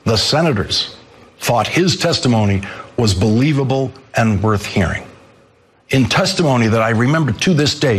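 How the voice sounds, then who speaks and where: A man in his sixties hosting a news program, delivering a measured, emphatic commentary monologue. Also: mid-range voice, slight background noise. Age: 60s. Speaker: news host.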